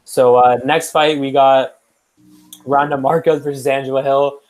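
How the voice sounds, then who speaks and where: A man's voice: mid-range voice, little pitch movement, unhurried, poor audio. A young man co-hosting a podcast, talking through fight picks in a loose, rambling way with lots of fillers and restarts. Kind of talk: casual chat.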